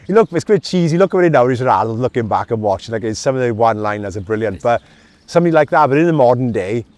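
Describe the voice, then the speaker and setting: Fast-talking Welsh man, expressive. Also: mid-range voice, no room sound. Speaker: guest. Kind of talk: casual interview chat.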